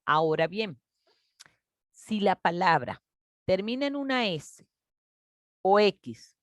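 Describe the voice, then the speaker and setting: A woman teacher, patiently explaining a grade-school grammar lesson and stretching out example words slowly. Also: mid-range voice, big pitch swings, no room sound, clean studio sound. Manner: patient, explanatory, addresses children warmly as "mis niños".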